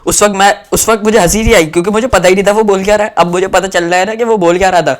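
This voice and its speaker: A young man from Pakistan, telling a travel story to camera in a rambling, animated way with lots of fillers. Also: sits high, rapid-fire.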